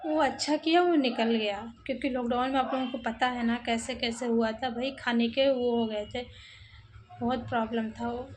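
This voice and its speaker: Flat-voiced young woman telling her story. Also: a little high, a little hiss or hum. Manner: halting, emotional telling with many restarts and repeats. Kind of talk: casual personal storytelling.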